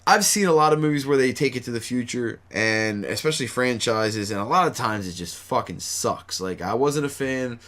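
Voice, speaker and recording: A man's voice: medium pitch, lively intonation, moderate pace, few pauses, fairly bright tone. A man hosting a horror podcast in casual chat, tired late at night, talking in a loose, rambling, profane way. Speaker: podcast host.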